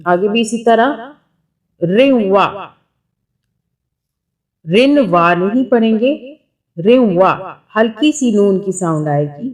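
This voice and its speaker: A woman from Pakistan, a Quran teacher, giving a recorded reading lesson, explaining step by step and sounding out syllables slowly and patiently. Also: medium pitch, lively intonation, a little mellow.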